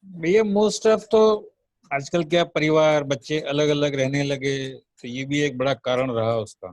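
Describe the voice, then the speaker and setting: A man's voice: fairly high pitch, measured pace. A man joining a casual discussion, agreeable and interjecting. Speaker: discussion participant.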